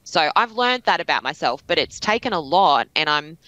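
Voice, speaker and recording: Bright, energetic Australian woman. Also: sits low, slight background noise, poor audio. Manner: energetic, fast-flowing and candid. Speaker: podcast guest, veterans recruiter. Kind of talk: casual podcast chat.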